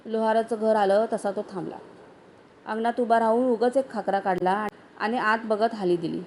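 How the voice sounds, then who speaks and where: A woman narrating a short story aloud in a steady storytelling manner. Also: fairly high pitch, moderate pace, a little hiss or hum.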